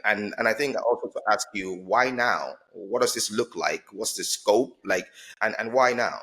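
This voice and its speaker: A man's voice: on the low side, normal speed, bright, forceful tone. A man hosting an interview podcast, talking in a rambling way with many ums and restarts. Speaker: podcast host. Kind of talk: conversational interview.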